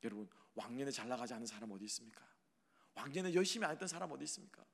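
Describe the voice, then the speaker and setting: Gravelly-voiced pastor preaching in a reverberant hall. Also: male voice, medium pitch, lively intonation, rapid-fire. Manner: swings from loud impassioned preaching to hushed, near-whispered lines; asks the congregation rhetorical questions. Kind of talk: Sunday sermon. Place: church sanctuary.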